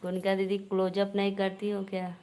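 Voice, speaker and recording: A woman's voice: mid-range voice, completely flat delivery, brisk, dark tone. A woman with an Awadhi accent hosting a live stream, chatting casually and teasingly with viewers and greeting them by name.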